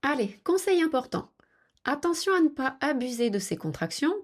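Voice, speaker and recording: A woman teaching French pronunciation, saying example phrases clearly and deliberately and leading repeat-after-me drills. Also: high voice, sing-song.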